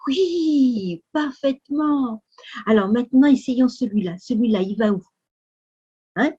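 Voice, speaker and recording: A woman with a French accent running a Sunday school lesson for young children. She speaks very slowly, with a breathy, slightly husky tone and a fairly high voice. Her delivery is full of exaggerated exclamations meant to keep little ones engaged. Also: animated, warm tone, muffled recording. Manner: slow, exaggerated storytelling for kids, full of exclamations.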